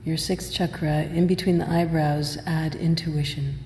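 A woman teacher leading a guided meditation, speaking in slow, measured, soothing instructions with long pauses. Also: sits low, flat delivery, darkish tone. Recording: roomy hall reverb, faint noise.

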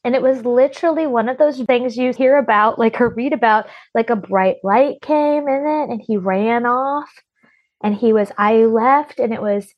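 A woman's voice: a little high, normal speed, no echo, dull audio. A woman guest on a podcast, telling a personal story in a rambling, chatty way with many restarts.

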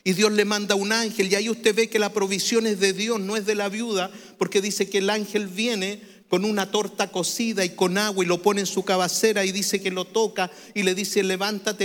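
A man preaching to a congregation in a high voice. He calls on the listeners to repeat key phrases after him. The sound rings with the long echo of a large church hall. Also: fairly bright tone. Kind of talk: sermon. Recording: reverberant hall.

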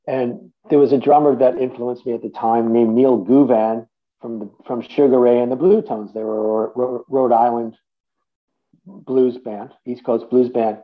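Over a tinny line that sounds like a phone, this Boston-area man in his 50s talks at a measured pace, his medium-pitched voice steady. He's an interview guest spinning casual, rambling stories full of restarts and frequent "you know"s.

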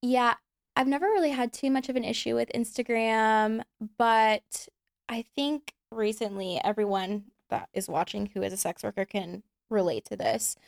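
A young woman chatting candidly as a podcast guest, laughing often and filling pauses with ums. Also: on the high side, creaky, dry recording, studio quality. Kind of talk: casual chat.

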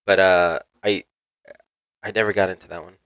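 A man's voice: low-pitched, flat delivery, moderate pace, a bit bright, no room sound, low-quality recording. A man talking as a podcast guest in casual chat, rambling and hedging with lots of fillers.

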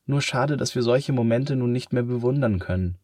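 A man voicing an eager, caring young girl in a children's story, raising his voice high. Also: normal speed, no room sound, clean studio sound, close to an everyday voice. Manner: bright, pleading, raised voice.

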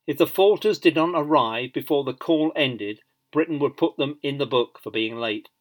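A man reading a biography as scripted audiobook narration in a measured storytelling manner. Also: mid-range voice.

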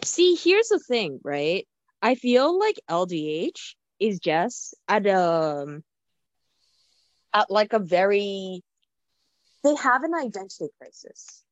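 Lively woman in lo-fi chat. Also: medium pitch, dry recording. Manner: opinionated, quick, laughs easily. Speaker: podcast co-host. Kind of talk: casual chat about Japanese pop music. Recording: dull lo-fi sound.

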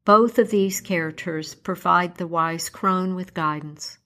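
A woman's voice: on the low side, unhurried, sharp tone. A woman storyteller reading a classic tale aloud and then sharing her own earnest reflection.

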